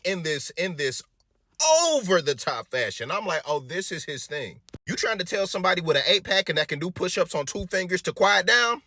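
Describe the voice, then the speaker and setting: A young adult man telling a story in a lively, animated voice that swings a lot, slangy and joking. He sits a little high for a man. His voice is close and dry, with no room sound. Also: no echo. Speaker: psych ward worker telling stories. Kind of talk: casual storytelling.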